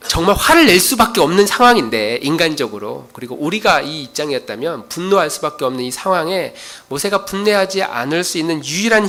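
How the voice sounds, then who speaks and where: A man's voice: a little high, sharp tone. A middle-aged male pastor preaching a sermon, acting out quarrels in his own voice.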